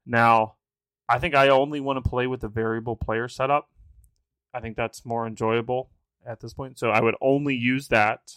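A man's voice: medium pitch, fairly even intonation, moderate pace, a bit bright, clean tone, dry recording. A man co-hosting a board game podcast, giving enthusiastic, opinionated takes in casual chat.

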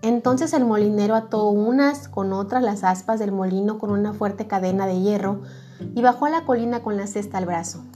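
A woman narrating a storybook in a calm, measured way. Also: medium pitch, faint music behind.

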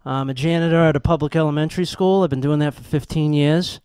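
A man doing a stand-up set, telling exasperated, profane stories with animated outbursts. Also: fairly high pitch, quick pace, smooth, no echo, studio quality. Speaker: stand-up comedian.

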